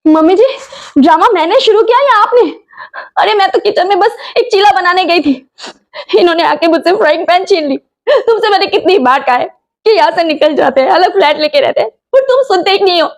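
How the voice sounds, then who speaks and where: A woman's voice: very high-pitched, expressive, a little fast. Young woman playing a wronged, defiant daughter-in-law. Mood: upset pleading. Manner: pleading, defiant. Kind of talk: family skit acting.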